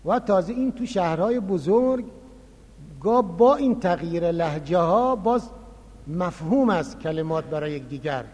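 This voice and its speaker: A man giving a religious lecture, explaining points with animated emphasis. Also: sits high. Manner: explanatory, animated, acts out quoted dialogue. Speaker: lecturer on Quran recitation. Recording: long hall reverb.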